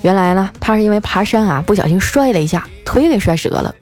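A woman hosting a podcast, telling funny everyday stories in a lively, chatty way with drawn-out filler sounds. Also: mid-range voice. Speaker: podcast host. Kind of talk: scripted comedic storytelling. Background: faint background music.

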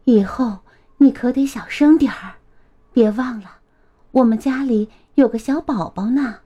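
A woman voicing a gentle mother calling to her little son in a children's storybook reading, soft and coaxing. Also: a little high, a little slow.

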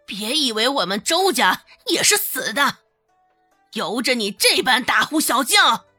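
A woman's voice: a little high, sing-song, a little slow, sharp tone, faint music behind, heavily acted. A woman voicing a cold, stern old matriarch who scolds curtly in an audiobook drama.

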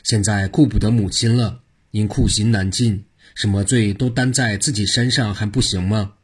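Male storyteller, low and husky, rhythmic phrased narration. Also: normal speed. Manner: lively rhythmic telling in short phrases.

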